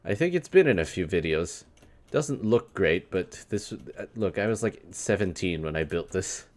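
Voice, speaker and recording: A New York man in his twenties reads chat aloud on a live stream and reacts, rambling wryly. His low voice is a little mellow, with lively intonation and a moderate pace.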